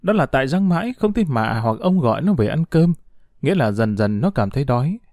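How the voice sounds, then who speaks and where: A man narrating a story in an audiobook, in an expressive, dramatic way. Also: medium pitch, a little fast, dry recording, clean studio sound.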